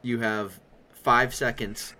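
A man's voice: medium pitch, steady tone, slow pace, pushed and bright, slight background noise. A man co-hosting a podcast, trading dry, mock-serious teasing in casual comedic chat. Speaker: podcast co-host.

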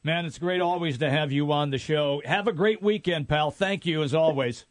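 A man's voice: on the high side, normal speed, no room sound, studio quality. A man hosting a sports radio show in casual live talk.

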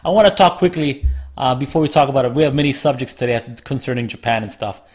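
A man co-hosting a casual chat, a little hoarse and rough from a lingering sore throat, rambling and correcting himself as he talks. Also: mid-range voice, fast, darkish tone. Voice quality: slightly rough, smoker-like. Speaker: podcast co-host.

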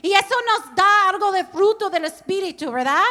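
A woman preaching a sermon, telling stories in an animated way and laughing along. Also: very high-pitched, normal speed, in a large hall. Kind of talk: storytelling sermon.

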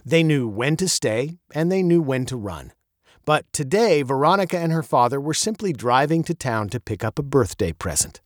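Lively male storybook narrator. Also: normal speed, dry recording, clean studio sound. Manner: expressive, playful storyteller with wide pitch swings. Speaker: audiobook narrator.

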